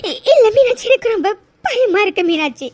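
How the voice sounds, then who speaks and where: A woman voicing a frightened old grandmother in a cartoon story, wailing in a very high voice. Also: big pitch swings, brisk, darkish tone, dry recording. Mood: anguished. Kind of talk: cartoon voice acting.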